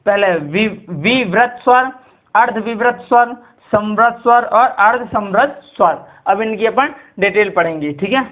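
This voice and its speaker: This grammar lesson comes from a man in India whose voice sits high and a bit bright, moving at a measured pace. His style is repetitive, returning to key points with "ठीक है" and testing listeners with "कितने होते हैं?".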